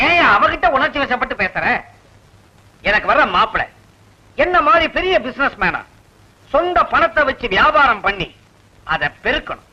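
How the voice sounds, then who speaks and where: Rich father, male, high lively mocking voice, very bright tone. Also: moderate pace, long pauses, muffled recording. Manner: dismissive, boastful. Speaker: film comedian playing a rich father. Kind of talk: film comedy dialogue.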